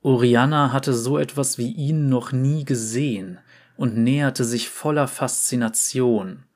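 A man calmly narrating a storybook. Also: medium pitch. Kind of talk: storybook reading.

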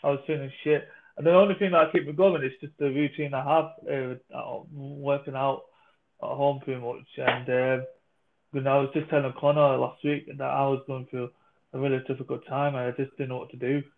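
A man's voice: medium pitch, little pitch movement, a little fast, vocal fry. A man in a casual group chat, talking in a rambling, repetitive, sweary way. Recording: thin phone-like online call.

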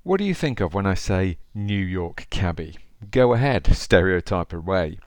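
A man's voice: sits low, sing-song, normal speed, darkish tone, dry recording, studio quality. A man with an East Midlands accent from Derby, hosting a podcast in a chatty, informal way, speaking straight to the listener as he talks and reads. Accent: East Midlands English, Derby. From Derby, England. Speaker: podcast host. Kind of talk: informal solo podcast talk and story reading.

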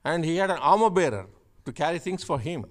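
A man preaching a sermon, shifting from chatty asides with the congregation to loud, emphatic repeated declarations. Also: fairly high pitch, animated, a little fast. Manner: builds to loud emphatic repetition; conversational asides with laughs.

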